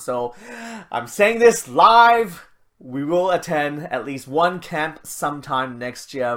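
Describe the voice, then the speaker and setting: A man's voice: mid-range voice, fairly bright tone. Chatty male pastor making church announcements. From Malaysia. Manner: chatty, self-deprecating asides with light laughs. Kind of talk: church announcements and prayer before a sermon. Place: church service, streamed live.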